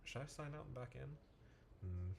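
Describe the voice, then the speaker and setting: Halting, animated man thinking aloud. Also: medium pitch, gravelly, a little hiss or hum. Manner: halting, frequent restarts and self-corrections; muttering to himself while waiting on the screen. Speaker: math tutor and streamer. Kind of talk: casual livestream talk, thinking aloud.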